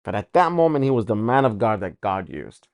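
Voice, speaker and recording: Man, personal testimony, emotional, halting, repeats himself, low voice, dry sound. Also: sing-song, a little mellow, no room sound. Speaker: testimony speaker.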